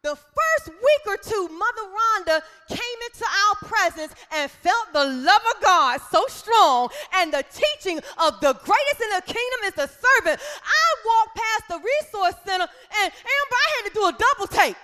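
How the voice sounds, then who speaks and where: A woman in her forties preaches with a very high, bright and forceful voice. Her delivery is impassioned and call-and-response, and it swells into shouts. The long reverb of a big church hall trails her words over faint music. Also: lively intonation, moderate pace, few pauses. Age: 40s. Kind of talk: sermon.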